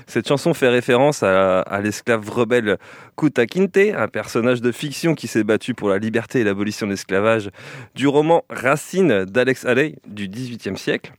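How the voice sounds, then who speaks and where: A man's voice: medium pitch, normal speed, no room sound, studio quality. A man co-hosting a radio show, presenting a track's background with many hesitations and fillers. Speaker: radio co-host.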